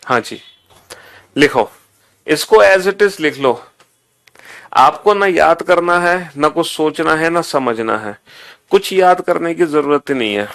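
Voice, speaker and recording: Male online tutor, slow patient drilling, slightly high voice. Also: lively intonation, fairly bright tone. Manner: slow, repetitive drilling, addresses students as beta. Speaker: teacher. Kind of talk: online exam-prep lesson.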